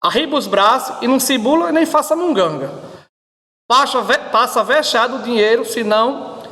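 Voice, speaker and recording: A man reading out the lines of a loud, threatening male street robber, with shouted threats. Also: very high voice, normal speed, heavily acted. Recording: long hall reverb.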